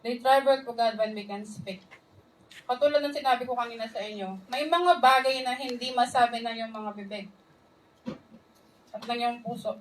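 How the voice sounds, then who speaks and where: A woman's voice: on the high side, normal speed, pauses often, recorded from a distance, a little hiss or hum, low-quality recording. A woman preaching a sermon in an earnest way, mixing in English phrases and calling on the congregation to respond.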